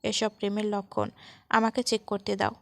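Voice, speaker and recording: A woman voicing a teasing young man, cocky, soft and calm, gravelly voice, dry close sound, storybook. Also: medium pitch, moderate pace, no room sound, close to an everyday voice.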